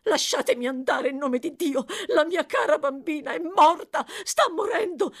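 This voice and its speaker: A woman reading an audiobook, voicing a distraught middle-aged gentlewoman pleading for her dying girl. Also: high voice, lively intonation, normal speed, pitched above the performer's own voice. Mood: desperate. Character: frantic grieving gentlewoman, middle-aged mother figure.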